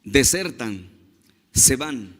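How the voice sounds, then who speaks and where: A man's voice: medium pitch, very animated, fairly bright tone, in a large hall. A man preaching a sermon as pastor, emphatic and drawn out on key words, speaking to his congregation. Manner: emphatic, slow stresses on key words, addresses the congregation as brothers. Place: church.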